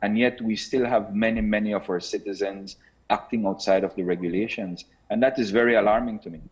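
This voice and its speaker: A man, a health minister, speaking earnestly in a live interview over a buzzy, glitchy remote call, often pausing with ums and restarts. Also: lowish voice, steady tone, breathy edge. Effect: buzzy, glitchy remote call audio that cuts out. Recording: muffled, lo-fi remote call line.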